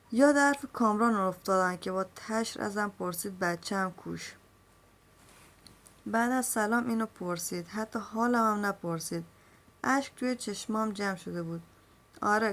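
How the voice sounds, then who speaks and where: A woman's voice: medium pitch, a bit bright. A young woman reading a first-person novel aloud in an emotional storytelling manner, speaking the characters' lines in her own voice. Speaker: novel reader.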